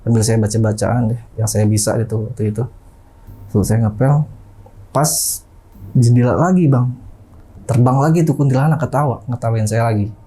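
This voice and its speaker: A man's voice: mid-range voice, normal speed, pauses often, dark tone, breathy edge. A young man casually telling a personal ghost story in a chatty way, often calling his listener "Bang" and imitating the sounds he heard.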